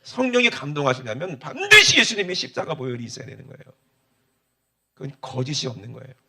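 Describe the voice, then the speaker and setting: A man's voice: medium pitch, big pitch swings, fast, gravelly, pushed and bright. A middle-aged man, preaching a sermon as pastor and often calling the congregation for an amen.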